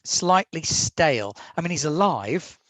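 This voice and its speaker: A man's voice: on the high side, animated, unhurried, fairly bright tone, no echo. A man narrating a tabletop role-playing game casually as the game master.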